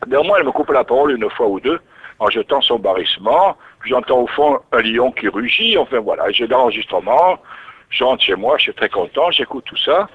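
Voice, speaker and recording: A man's voice: medium pitch, animated, fairly quick, slightly rough, no room sound. A man telling his story as an interview guest, musing and often restarting his phrases. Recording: tinny narrowband radio recording.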